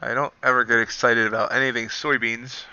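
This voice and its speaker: A man narrates his trading session live, thinking aloud and poking fun at his own mistakes. His voice is very bright and smooth, captured dry and close on a slightly dull mic. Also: medium pitch, flat delivery, a little fast, dry recording. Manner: wry, self-deprecating, reads out numbers. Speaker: livestream futures trader.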